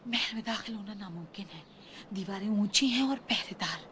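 A woman playing an anxious young woman searching for someone in secret, talking in a hushed, urgent way in a dubbed drama. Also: medium pitch, lively intonation, moderate pace, a little hiss or hum, lightly acted. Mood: worried.

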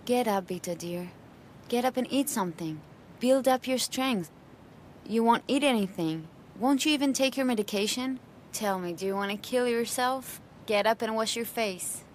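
A woman's voice: a little high, moderate pace, slight background noise, close to an everyday voice. A woman dubbing a stern, scolding caretaker. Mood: coaxing, scolding. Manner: scolding, lecturing. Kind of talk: dubbed drama. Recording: music score underneath.

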